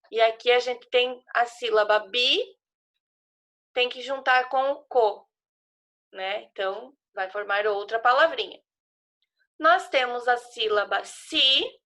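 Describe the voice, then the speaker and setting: A woman's voice: fairly high pitch, a little slow, long pauses, pushed and bright. A woman teacher with a Brazilian Portuguese accent, patiently walking young children through a worksheet and spelling out syllables. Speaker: primary school teacher. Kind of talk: remote class explaining a worksheet to children.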